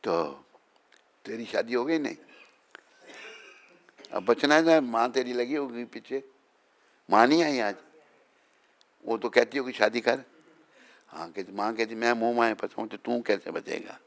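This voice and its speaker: A man's voice: medium pitch, measured pace, pauses often, a bit bright. A man, a swami, giving an informal spiritual talk to devotees, chatty and teasing, often asking if he is right.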